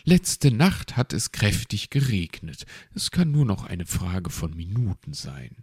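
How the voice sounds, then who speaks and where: A man's voice: lowish voice, big pitch swings, a little slow, a little mellow, husky, dry recording, clean studio sound, full character voice. A man voicing a grumpy, crotchety old male owl in a storybook, irritable and pompous. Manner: irritable and pompous, making excuses. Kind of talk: storybook reading.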